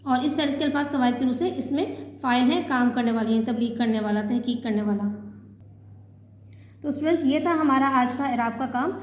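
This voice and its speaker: A woman teacher giving a pronunciation lesson, slowly and deliberately spelling out the vowel marks of each word. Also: high voice, roomy sound.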